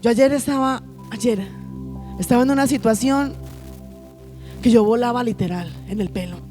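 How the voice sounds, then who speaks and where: A woman pastor with a high voice preaches a sermon, pressing each point by repeating her phrases and calling the congregation her children. Faint music plays behind her. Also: moderate pace, mellow. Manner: emphatic, repeats phrases, addresses listeners as children.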